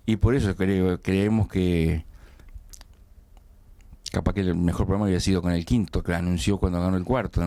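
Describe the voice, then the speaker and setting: In a small studio, a man interviews a guest for a conversational TV segment, sounding hesitant and full of fillers and restarts. His voice is low-pitched with a darkish tone and no echo.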